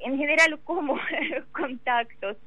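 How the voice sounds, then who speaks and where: An emotional woman with a Ukrainian accent gives interview testimony haltingly, searching for words in a language that is not her own. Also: high voice, no room sound, phone-quality sound. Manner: halting, searching for words in non-native Spanish. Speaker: interview guest.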